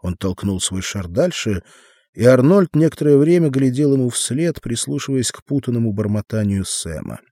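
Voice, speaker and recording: A man narrating a literary novel as an audiobook reader, in an expressive, measured way. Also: mid-range voice, dry recording, clean studio sound.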